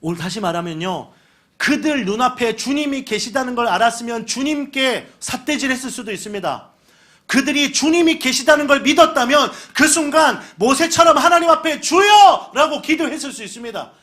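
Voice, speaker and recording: A man preaching a sermon as pastor, animated, swinging between soft asides and loud exclamations and acting out the voices he quotes. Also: extremely high pitch, fairly quick. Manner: animated preaching, dramatic shifts in volume, acts out quoted voices.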